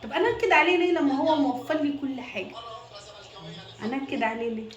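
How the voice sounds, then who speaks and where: A woman's voice: high-pitched, expressive, fast talker. A woman with an Egyptian accent giving insistent, preachy advice in a comic phone-call sketch. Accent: Egyptian Arabic. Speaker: wife in a comedy sketch. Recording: roomy echo with loud music behind.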